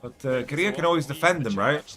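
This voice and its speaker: Hoarse dude costreaming esports, keeps repeating himself, bright kinda high voice. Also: male voice, expressive, quick pace. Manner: reactive, repeats himself, talks to chat. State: hoarse from shouting. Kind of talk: excited live esports co-commentary.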